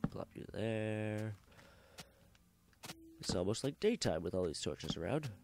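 A low-pitched young man with a gravelly, creaky voice, a bit under the weather and coughing. He rambles through casual game commentary, cursing and correcting himself as he goes. Faint music plays under him. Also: lively intonation, measured pace. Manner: rambling, joking, swears freely, corrects himself mid-sentence. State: sick with a cough. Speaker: gameplay commentator. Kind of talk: casual let's-play commentary.

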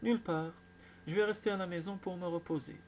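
Un homme qui lit un roman et fait la voix d'une jeune femme présentatrice de télévision, posée et un peu sur la défensive. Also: male voice, sits high, fairly even intonation, brisk, a little mellow, a little hiss or hum. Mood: posé. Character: young woman TV presenter, composed.

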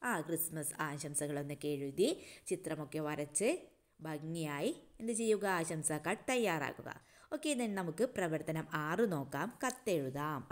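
Lower-voiced woman teaching children. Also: lively intonation, a little slow. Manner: asks pupils questions and answers them herself; mixes English words into her talk. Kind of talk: exam answer walkthrough for children.

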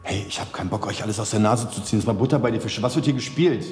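A man's voice: fairly low pitch, racing, darkish tone, natural voice. A man playing a blunt, impatient young teacher. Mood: demanding. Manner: blunt, brusque. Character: stern impatient male teacher, young adult. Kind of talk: scripted reality TV acting. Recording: echoey room, faint music.

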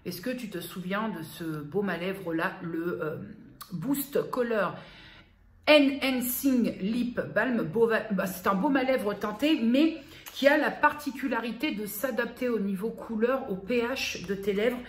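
A woman's voice: medium pitch, normal speed. A woman vlogger chatting casually and familiarly to her viewer, a little self-mocking. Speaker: beauty vlogger. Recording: roomy echo, faint background noise.

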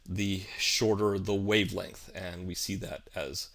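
A man narrating a video tutorial, slow and halting, with many ums and uhs. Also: low voice, little pitch movement, creaky, a bit bright. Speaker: animation physics teacher.

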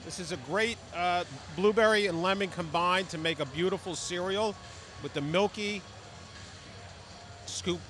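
A man's voice: high voice, unhurried, fairly bright tone, faint music behind. A middle-aged man chatting as an upbeat, agreeable vendor in a promotional interview. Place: trade show booth indoors. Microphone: handheld microphone held by interviewer. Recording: noisy convention hall.

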